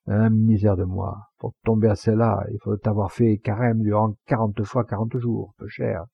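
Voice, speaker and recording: A man's voice: lowish voice, level tone, moderate pace, creaky, husky, dry recording, muffled recording. A man voicing a proud, hot-tempered Provençal poacher in a storybook reading, with scornful, fiery retorts. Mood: furious.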